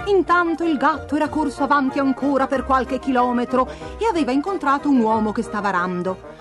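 A woman reading a fairy tale aloud in an animated, sing-song storytelling manner. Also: sits high, fairly quick, music in the background.

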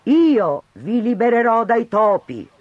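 A man voicing a mysterious, sly stranger who speaks calmly and with a quiet menace, in a storybook reading. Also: high-pitched, no echo, muffled recording, pitched above the performer's own voice, full character voice. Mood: commanding. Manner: calm, measured, softly menacing. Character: mysterious tall thin male stranger, calm and sly.

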